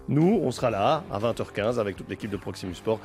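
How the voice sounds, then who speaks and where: A man's voice: on the low side, expressive, brisk, darkish tone. A man hosting a football talk show, hesitant with many fillers as he links segments and debates. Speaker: host.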